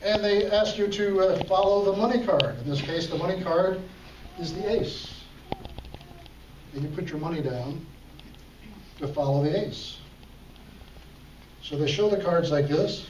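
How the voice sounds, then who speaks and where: A man's voice: sits high, a little slow, long pauses, muffled recording. A man emceeing a church talent show, joking with the audience as he performs a card trick. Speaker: emcee and magician. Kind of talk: stage patter with card trick. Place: church hall with live audience. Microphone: far room recording. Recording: roomy hall, distant mic, audible noise.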